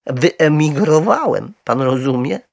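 A man voicing a small, polite male bear who speaks quietly and clearly with great dignity. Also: fairly high pitch, lively intonation, takes it slowly, no echo, clean studio sound, voice pushed up, exaggerated voice. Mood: earnest.

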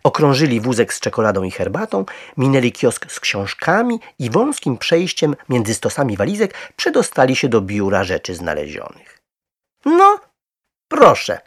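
A man narrating a children's storybook in an expressive, lively way. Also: fairly low pitch, breathy edge.

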